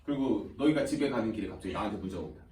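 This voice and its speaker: A male high school teacher talking casually to his students, chatty and animated, often acting out students and teachers in quoted asides and laughing along the way. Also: rapid-fire. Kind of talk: casual classroom talk to students. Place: classroom. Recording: roomy classroom sound from a distant mic.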